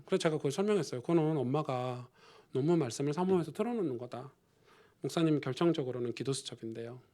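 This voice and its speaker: A man preaches a sermon in a fairly high voice, telling stories as if chatting with the congregation. He swings between forceful, loud emphasis and soft, almost whispered asides. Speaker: pastor.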